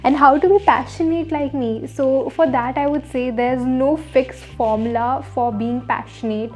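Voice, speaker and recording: A woman's voice: high voice, steady tone, normal speed. A woman in her early twenties with an Indian English accent, chatting upbeat to camera as she answers viewers' questions. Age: 20s. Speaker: vlogger, law student. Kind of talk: casual Q&A to camera.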